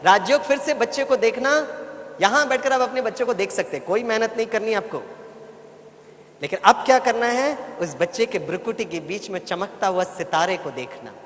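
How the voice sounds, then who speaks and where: High-pitched male speaker, motivational storyteller who coaxes the crowd, recorded in a reverberant hall. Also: animated, normal speed, fairly bright tone. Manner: storytelling, coaxes audience to repeat lines. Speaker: spiritual speaker. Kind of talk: motivational talk to a live audience. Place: large hall with audience. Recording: echoey hall, faint background noise.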